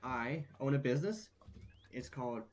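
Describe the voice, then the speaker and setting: A brash cowboy hustler drawls his pitch in a put-on Southern country accent, as a man does the voice. He rambles in folksy salesman patter, friendly and pushy at once, like a character in a game stream. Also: expressive, normal speed, close to an everyday voice. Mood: folksy, hustling.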